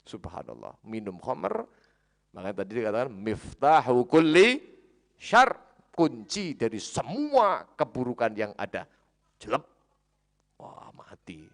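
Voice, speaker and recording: A man with a Javanese accent preaching a sermon, telling stories, swinging between loud and hushed. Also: medium pitch, very animated, unhurried, creaky.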